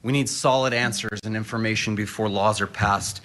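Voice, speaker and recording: A man's voice: on the low side, steady tone, brisk, a bit bright. A man in his late twenties giving firm, impassioned public testimony at a podium in a state capitol hearing room, posing rhetorical questions. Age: 20s.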